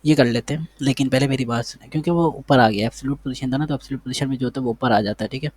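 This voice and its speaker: A man's voice: medium pitch, rapid-fire, a little mellow, dry recording. A man teaching a casual coding lesson over his screen, thinking aloud as he types and repeating words while he checks the result. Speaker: coding tutor.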